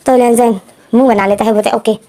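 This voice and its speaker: A woman's voice: on the high side, fairly even intonation, quick pace, mellow. A woman storyteller retelling a fan fiction story in a plain, repetitive way, with many linking words.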